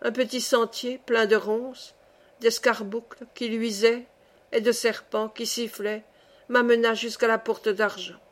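A woman narrates a classic story for an audiobook, reading with measured expression. Her voice is fairly high, and she takes an unhurried, slow pace. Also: little pitch movement. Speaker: audiobook reader.

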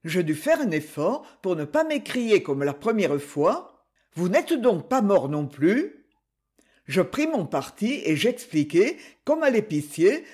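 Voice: mid-range voice, darkish tone, slightly rough. An audiobook narrator reading a first-person novel in a wry storytelling manner.

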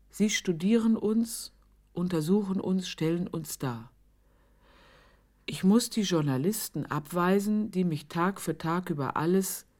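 In a radio drama, an actress with a lowish, slightly mellow voice plays a woman reading an affectionate, florid letter aloud. She delivers it deliberately, pausing to savour each phrase.

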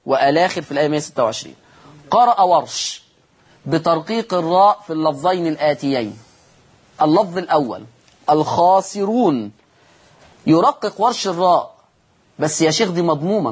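A man with an Egyptian Arabic accent teaching Quran recitation on a broadcast lesson, explaining rules, reciting words slowly and quizzing his listeners. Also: fairly high pitch, slightly rough.

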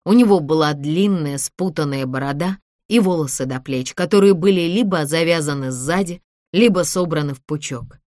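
A woman reading a thriller audiobook in a steady, measured way. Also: low-pitched, dry recording, clean studio sound. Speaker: audiobook narrator. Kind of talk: scripted thriller narration.

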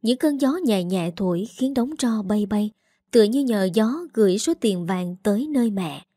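A woman reading a first-person family story aloud in a sorrowful, measured way. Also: mid-range voice, expressive, dark tone, no room sound, clean studio sound. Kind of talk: scripted first-person narration.

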